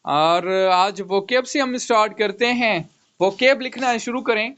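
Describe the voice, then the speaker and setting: Male teacher, high voice, unhurried delivery, spells words out, dull lo-fi online audio. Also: fairly bright tone. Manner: spells words letter by letter, repeats "okay" often. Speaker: English teacher. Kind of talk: online vocabulary lesson.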